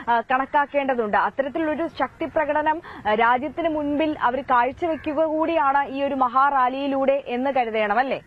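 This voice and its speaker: Young female anchor, high voice, dull lo-fi sound, prompting questions. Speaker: news anchor. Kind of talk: live news anchoring.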